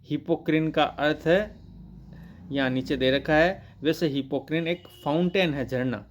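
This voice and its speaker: A man teaching English literature, reading each line of a poem slowly and then explaining it in Hindi, often asking questions and answering them himself. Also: on the high side, a little hiss or hum.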